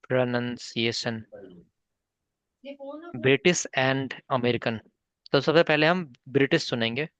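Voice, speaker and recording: A man's voice: mid-range voice, a bit bright, no echo, lo-fi sound. Patient male English trainer on a call. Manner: patient teacher, mixing Hindi and English, coaxing learners by name. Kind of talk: online spoken English class.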